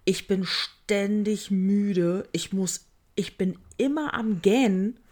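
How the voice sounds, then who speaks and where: A woman co-hosts a podcast, chatting casually, joking around and poking fun at herself. Her voice is mid-range, slow-paced and a little mellow.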